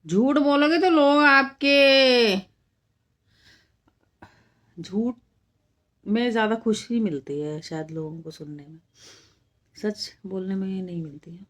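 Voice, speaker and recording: A woman's voice: medium pitch, slow pace, long pauses, fairly bright tone. A middle-aged woman from India hosting a casual live stream, talking straight to her viewers and firmly rebutting comments, repeating her points for emphasis.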